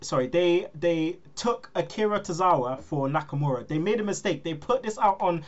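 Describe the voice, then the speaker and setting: Male host, a bit high, storytelling with laughs, muffled recording. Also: expressive, moderate pace. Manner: storytelling, laughs often, acts out quotes. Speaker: podcast host. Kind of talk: casual wrestling chat.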